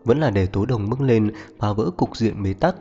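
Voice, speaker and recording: A man reading a novel aloud as narrator at a steady pace. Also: on the low side, moderate pace, husky. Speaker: audiobook narrator. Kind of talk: scripted narration. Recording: muffled reverberant audio, faint music.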